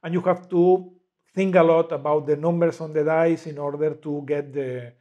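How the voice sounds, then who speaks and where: A man's voice: fairly high pitch, steady tone, normal speed, warm tone, dull audio. A man, a game publisher answering interview questions in a cozy indoor room, talking with many fillers and restarts. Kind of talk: casual interview.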